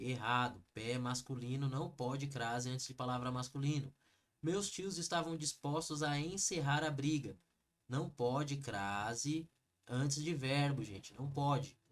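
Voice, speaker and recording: A man's voice: mid-range voice, measured pace. A man with a Brazilian Portuguese accent teaching an online exam review lesson, explaining each answer step by step and talking straight to the viewers. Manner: lively, explains step by step, addresses viewers as "gente".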